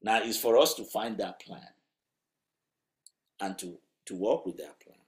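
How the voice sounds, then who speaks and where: A man's voice: on the low side, unhurried. A man preaching a sermon in a conversational, emphatic way, asking rhetorical questions. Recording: roomy echo.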